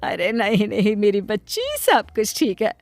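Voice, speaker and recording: A woman voicing a doting, long-suffering middle-aged mother in a cartoon story. She talks in a plaintive, pleading, soft-hearted way. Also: mid-range voice, fairly even intonation, normal speed, gravelly, no echo, lightly acted. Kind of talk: Hindi cartoon voice acting.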